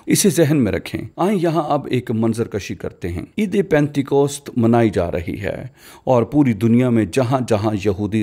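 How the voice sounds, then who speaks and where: A man voicing a dubbed sermon, giving a measured, explanatory teaching delivery. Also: medium pitch, dark tone. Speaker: preacher voice-over.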